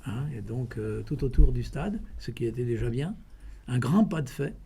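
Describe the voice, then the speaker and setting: A man giving informal interview answers, telling stories in a halting way with repeated words. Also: mid-range voice, big pitch swings, gravelly, dark tone, a little hiss or hum. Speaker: president of a running club, interviewee.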